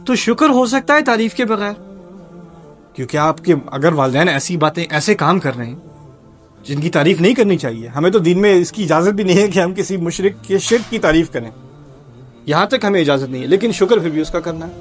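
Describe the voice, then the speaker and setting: Guy doing a quran commentary lesson, high-ish voice, quizzes the audience and repeats words, faint music underneath. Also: animated. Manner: asks listeners questions, repeats key words, recites Arabic verses. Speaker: Quran teacher.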